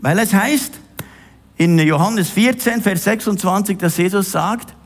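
A man's voice: high-pitched, measured pace. A middle-aged man preaching a sermon, addressing the listener directly and with emphasis.

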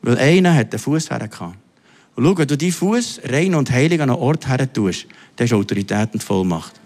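Animated preacher, man. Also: fairly quick. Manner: emphatic, swinging between low asides and high exclamations. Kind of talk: sermon.

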